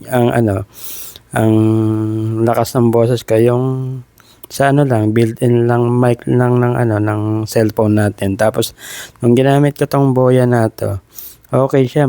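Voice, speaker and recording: A man's voice: mid-range voice, warm tone. A man chatting casually through an unboxing vlog, trying out a new wireless microphone on his phone. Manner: chatty, testing a mic by repeating hello. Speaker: vlogger. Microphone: phone built-in mic, then a wireless clip mic.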